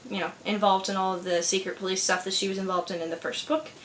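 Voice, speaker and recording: A woman's voice: mid-range voice, little pitch movement, quick pace, fairly bright tone, reverberant, a little hiss or hum, rough recording. A young woman chatting enthusiastically to camera about books she got, filmed at home. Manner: chatty, enthusiastic, laughs easily. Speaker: book vlogger. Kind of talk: casual chat to camera. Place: home room with candles. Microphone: camera filmed by her sister.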